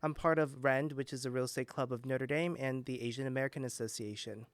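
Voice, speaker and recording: A man's voice: mid-range voice, steady tone, fast, no echo. A college junior in his twenties from Nebraska, a man introducing himself on a panel in an orderly, matter-of-fact way. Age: 20s. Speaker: student panelist.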